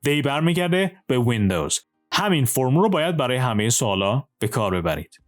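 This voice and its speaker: A man gives an English lesson with a lively, rising and falling voice at a middle pitch. He reads each English example slowly and carefully, then explains it. Faint music plays softly behind him. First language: Persian. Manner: drills single words twice each. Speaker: English teacher. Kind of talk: language lesson, explaining in Persian.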